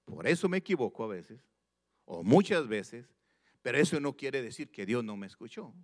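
A man preaching a sermon, reading scripture slowly and with emphasis, repeating phrases and putting questions straight to his listeners. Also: medium pitch, expressive, a little mellow. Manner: addresses listeners directly with questions.

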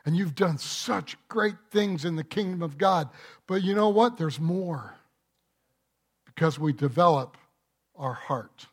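Male pastor, slightly high voice, unhurried delivery, emphatic sermon with rhetorical questions. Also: expressive, husky. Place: church.

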